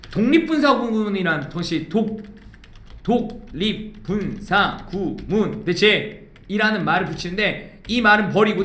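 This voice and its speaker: High, bright-voiced male English teacher. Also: roomy sound. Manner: drills students with call-and-repeat prompts; keeps checking understanding with tag questions. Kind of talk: grammar lecture.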